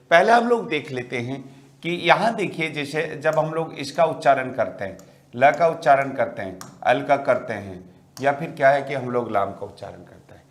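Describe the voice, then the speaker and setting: Repeating key words for emphasis and asking plenty of rhetorical questions, a middle-aged man delivers an exam-prep grammar lecture in a slightly high voice.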